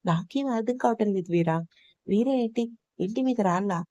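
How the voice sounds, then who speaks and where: A woman's voice: medium pitch, moderate pace, dark tone, dry recording, muffled recording, natural voice. A woman voicing a loyal male friend who explains things earnestly.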